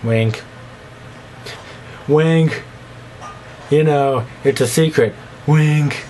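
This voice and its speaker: A young man with a slight lisp talks to camera extremely slowly in a rambling, self-mocking vlog, now and then slipping into squeaky put-on voices. His voice is a little mellow, with a bit of hiss or hum in the recording.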